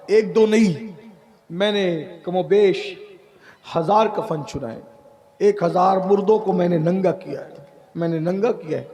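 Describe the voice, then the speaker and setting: A guilt-ridden young man pleads through his confession , voiced by a male preacher. He repeats his words in a high voice. He begs for forgiveness. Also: mellow. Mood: confessing.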